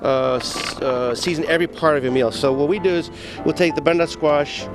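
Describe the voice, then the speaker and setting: A man's voice: fairly high pitch, fairly quick, over music. A man from Zimbabwe, an executive chef, giving a chatty, stop-start cooking demo full of fillers on an outdoor patio for morning news.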